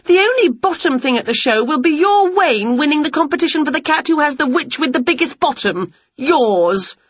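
A high, bouncy witch, played by a woman reading aloud exclaims and fusses with a lot of pitch movement. The voice is a touch breathy and sounds dry and a bit dull. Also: moderate pace, dry recording, exaggerated voice. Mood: defiant. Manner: lively, exclaiming. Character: excitable scatty young witch woman. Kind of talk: storybook reading.

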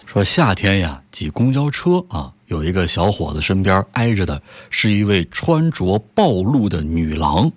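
A man's voice: low-pitched, moderate pace, few pauses, dry recording. A male host telling short jokes, laughing along and acting out each character. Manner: lively storyteller who laughs at his own jokes and acts out characters. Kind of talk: joke-telling comedy segment.

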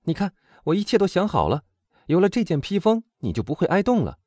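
A man's voice: high-pitched, huge pitch swings, mellow, dry recording, studio quality, voice pushed up, exaggerated voice. A man voicing a bold, confident young woman who teases her timid friend. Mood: brisk. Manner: brisk, confident, teasing.

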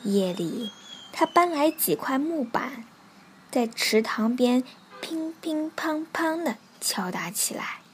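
Softly whispering woman storyteller. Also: high-pitched, lively intonation, slow, a little hiss or hum. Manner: soft, whispery narration. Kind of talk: bedtime story reading.

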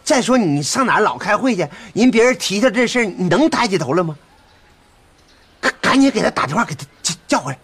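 A man's voice: sits high, very animated, fast talker, a bit bright, slight background noise, exaggerated voice. An actor playing an agitated, indignant village man with a Northeastern Mandarin accent who stammers as he protests. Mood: alarmed.

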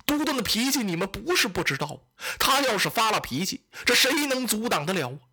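A man's voice: sits high, sing-song, fairly quick, bright, forceful tone, husky, exaggerated voice. A man voicing an old, loyal general in a told tale, fretful and pleading, close to tears.

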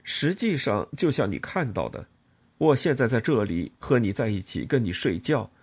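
A male reader voices a self-pitying lover who explains and pleads in earnest. The voice is husky and close to the reader's own, with lively rises and falls in pitch. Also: normal speed. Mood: pleading.

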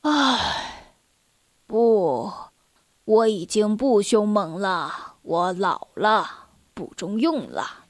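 A woman voicing a sly, hungry old male lion in a children's story, with a deep growling tone. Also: animated, drawn-out words, dry recording, clean studio sound. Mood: sighing.

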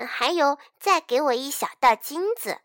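A woman's voice: high-pitched, moderate pace, a bit bright, dry recording, studio quality, voice pushed up. A woman voicing a clever, bold young male hero in a storybook reading, speaking eagerly and confidently.

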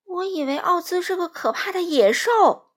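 A woman voicing an angry male tin woodman who speaks forcefully. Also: extremely high pitch, animated, moderate pace, pitched above the performer's own voice.

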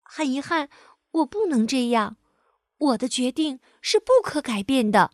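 A woman's voice: high-pitched, expressive, a little slow, dry recording, studio quality. A woman voicing a small, ordinary male tortoise who talks politely but will not give up. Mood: earnest. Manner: polite and quietly determined.

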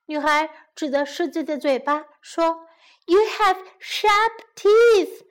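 A woman voicing a clever, wary young village girl in a storybook tale, with a high, bright voice. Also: animated, slow, heavily acted. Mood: scornful.

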